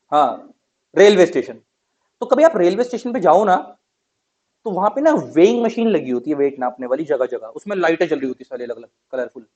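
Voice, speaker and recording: High-voiced chatty male law teacher. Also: darkish tone. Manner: chatty, asks students questions and answers them himself; mixes Hindi with English terms. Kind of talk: classroom lecture.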